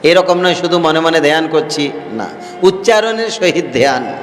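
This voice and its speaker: A man, a monk preacher, giving a slow devotional sermon, repeating his phrases and putting questions to his listeners. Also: a little high, animated. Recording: roomy hall reverb with faint music.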